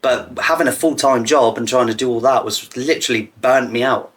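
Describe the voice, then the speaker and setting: Male online creator, average pitch, informal sweary delivery, self-deprecating, light music underneath. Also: brisk. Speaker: online content creator hosting a hot wing challenge. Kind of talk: casual sweary chat to camera.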